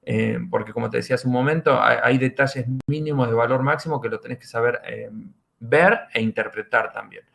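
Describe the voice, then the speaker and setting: A man's voice: mid-range voice, fairly quick, vocal fry, a bit bright. A middle-aged man with an Argentine accent, a forensic doctor guest on a podcast, explaining his work and repeating key phrases for emphasis. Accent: Argentine Spanish. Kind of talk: podcast interview.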